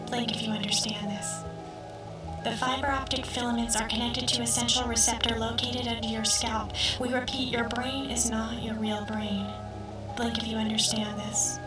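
A woman voicing a calm female rescue-team voice that gives covert instructions in a flat, measured monotone. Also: on the high side, close to an everyday voice. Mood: flat instructing. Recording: echoey, distant, over loud music.

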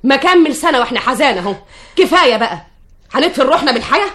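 A woman's voice: high voice, lively intonation, rapid-fire, fairly bright tone. An actress with an Egyptian accent playing a bossy widowed mother in an old radio drama, scolding and insistent. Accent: Egyptian Arabic.

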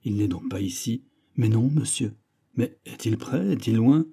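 A bold middle-aged musketeer fires off brisk, teasing questions, read by a man doing the voices. His tone is low, dark and husky. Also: lively intonation, exaggerated voice. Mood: eager.

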